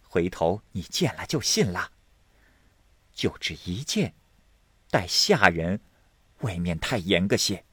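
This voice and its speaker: A man voicing a shrewd, talkative middle-aged housekeeper woman in a spoken storybook, brisk and knowing in manner. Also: low voice, sing-song, fairly bright tone, slightly rough, dry recording, heavily acted. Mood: gossipy.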